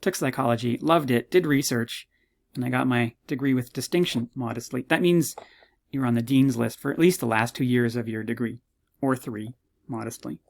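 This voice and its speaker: A man's voice: mid-range voice, normal speed, vocal fry. A man in his fifties from Canada, a university lecturer giving a recorded course introduction with playful, mock-modest humor.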